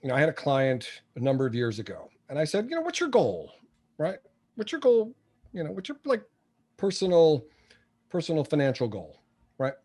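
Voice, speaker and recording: A man's voice: fairly high pitch, huge pitch swings, a little fast, a little mellow. A man in his sixties, a guest entrepreneur and coach, talking bluntly and telling jokey stories in a casual interview. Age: 60s. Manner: blunt, joking storyteller.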